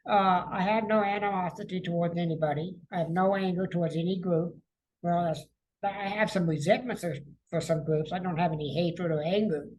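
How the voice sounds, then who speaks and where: Earnest man speaking in measured phrases. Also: high-pitched, darkish tone, low-quality recording. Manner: measured, earnest, pausing with fillers. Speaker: podcast guest. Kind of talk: conversational interview.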